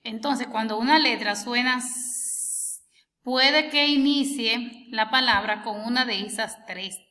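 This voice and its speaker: Woman teacher walking thru homework, highish bright voice, lots of reverb, slows way down to sound out words. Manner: patient, slows and stretches words when sounding them out; asks the listener rhetorical questions. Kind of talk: explaining homework lesson.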